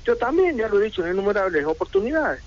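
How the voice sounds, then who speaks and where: Heard over lo-fi radio audio with slight background noise, a middle-aged merchant with an Argentine Spanish accent makes an indignant statement to local radio, one rhetorical question after another. His high voice is sing-song and fast, and he sits indoors in a red armchair.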